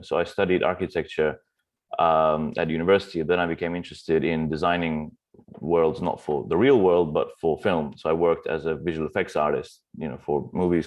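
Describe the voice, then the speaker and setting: A man from Russia, a film director, introducing himself casually with fillers over a video call. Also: low-pitched. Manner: relaxed, with fillers. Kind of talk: online panel self-introduction. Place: home at night.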